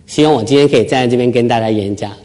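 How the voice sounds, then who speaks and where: A middle-aged Taiwanese man gives a public talk in a lecture hall before a live audience. His medium-pitched voice is warm and rapid-fire as he tells self-deprecating stories about himself.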